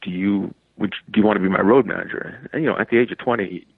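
This Canadian entertainer talks fast in a fairly low, creaky voice, chatting casually as a guest and spinning stories. There's a bit of hiss or hum on the dry, tinny phone-style recording.

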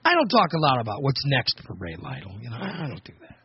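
Comic talk-show host, male, animated high voice, rambles, lo-fi sound. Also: fast talker, husky. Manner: rambling, self-interrupting, chatty. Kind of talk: casual comedic internet talk show. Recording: dull lo-fi recording.

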